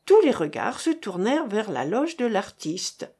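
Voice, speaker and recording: A woman reads a novel aloud at an unhurried pace. Her delivery is expressive, with a lively, wide-ranging pitch. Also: husky. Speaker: narrator. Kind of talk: audiobook reading of a novel.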